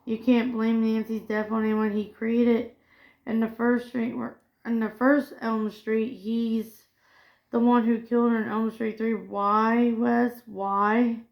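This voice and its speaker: A fairly high-pitched woman co-hosts a relaxed pop culture chat, reading out film trivia and tripping over her words before correcting them. The recording sounds dull and lo-fi. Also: takes it slowly, gravelly. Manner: reads facts aloud, often stumbling and correcting words. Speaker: co-host.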